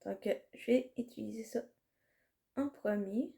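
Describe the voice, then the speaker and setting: A woman's voice: a little high, measured pace, gravelly, warm tone. A woman with a Quebec French accent chatting casually through a makeup tutorial, rambling and hesitant with many fillers. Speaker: makeup vlogger.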